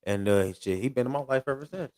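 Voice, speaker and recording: A man's voice: medium pitch, fast, a little mellow, dry recording. A man in casual podcast chat, rambling and repeating himself as he restarts his thoughts.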